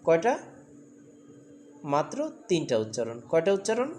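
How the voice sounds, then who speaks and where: A woman from Bangladesh leads a children's English lesson with a slightly low voice. She keeps drilling the class and fires repeated questions at them. A faint ambient hum sits behind her. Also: very animated, normal speed, a little mellow.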